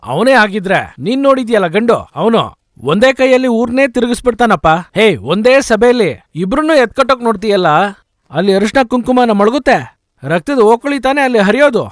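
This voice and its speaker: An actor playing a meddling villager who stirs up trouble with grim warnings. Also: male voice, very high-pitched, expressive, no room sound, clean studio sound. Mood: provocative. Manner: provocative, rapid warnings. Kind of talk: Kannada film dub.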